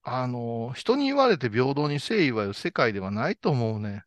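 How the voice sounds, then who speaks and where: Chatty Kansai man, animated gossipy delivery. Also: medium pitch, moderate pace, no echo. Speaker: talk show host. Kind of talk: casual chat.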